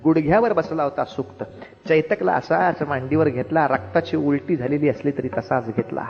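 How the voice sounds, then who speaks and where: A man's voice: fairly high pitch, moderate pace, gravelly. A man performing a devotional storytelling sermon and narrating it dramatically. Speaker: kirtan performer. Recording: roomy hall, dull lo-fi, faint music.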